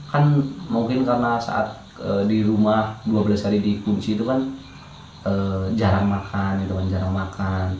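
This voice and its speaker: A man's voice: fairly low pitch, a little mellow, echoey room, slight background noise, poor audio. A man, a guest telling his life story in a hesitant, casual way with fillers and restarts.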